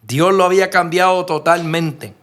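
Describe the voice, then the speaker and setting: Preaching with a Puerto Rican Spanish accent, this man from Puerto Rico tells earnest stories, poses rhetorical questions and frequently restarts his sentences. His voice sits high, at a moderate pace with a fairly bright tone.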